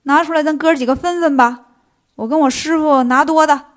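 A woman's voice: sits high, fairly even intonation, lightly acted. Storybook monkey king, male, brash and teasing, voiced by a woman storyteller. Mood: cheeky. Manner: brash, teasing, quick to anger. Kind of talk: storytelling for children.

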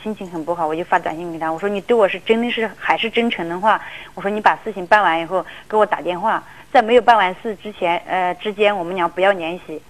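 A woman's voice: lowish voice, fast talker, hardly any pauses, rough recording. A woman calling an advice radio show, telling her story in a rambling, emotional way and often repeating herself. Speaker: caller.

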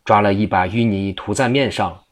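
A man's voice: lowish voice, normal speed, close to an everyday voice. A man reading as a frightened pleading woman. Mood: confessing. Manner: pleading, anxious. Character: frightened adulterous young woman.

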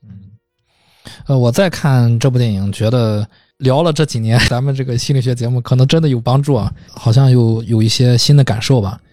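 Fast-talking man hosting a film chat. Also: mid-range voice, darkish tone, dry recording, studio quality, soft background music. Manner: thoughtful, rambling with hesitations. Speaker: podcast host. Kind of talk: casual film discussion.

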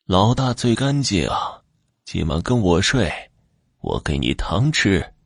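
A man's voice: low voice, sing-song, slow pace, vocal fry, husky, no echo, studio quality, full character voice. A man doing a sly monster faking an old granny. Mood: coaxing hush. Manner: hushed, coaxing. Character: sly hairy monster posing as old grandma.

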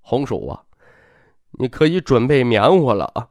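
A man's voice: mid-range voice, normal speed, no echo, clean studio sound. A man voicing a wry, easygoing young nobleman in a storybook reading. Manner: wry, relaxed.

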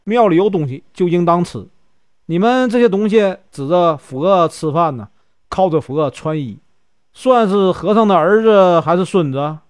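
A man's voice: sits high, normal speed, dry recording, studio quality, natural voice. A man with a Northeastern Mandarin accent voicing a playful, fearless mad monk in a told story, teasing and scolding. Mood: mocking.

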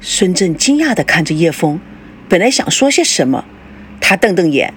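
Expressive woman reading a novel aloud. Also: on the low side, normal speed, a little hiss or hum. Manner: expressive storytelling. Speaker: narrator.

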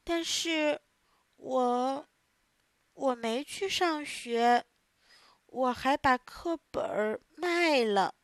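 A woman voicing a frightened wooden puppet boy in a storybook reading, high and pleading, often crying out. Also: sing-song, slow pace, a bit bright, no echo, studio quality, heavily acted. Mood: confessing.

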